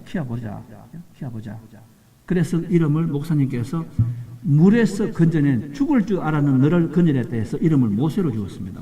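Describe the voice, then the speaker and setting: A man preaching a sermon at a church service, firing rhetorical questions at the congregation, repeating phrases for emphasis, and swinging between loud outbursts and hushed asides. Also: medium pitch, poor audio. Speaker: pastor.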